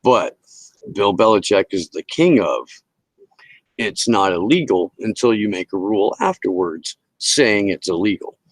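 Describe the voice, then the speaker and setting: A man's voice: fairly low pitch, expressive, measured pace, dry recording, poor audio. A middle-aged man hosting a livestream, ranting casually and profanely into a headset mic. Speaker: livestream host.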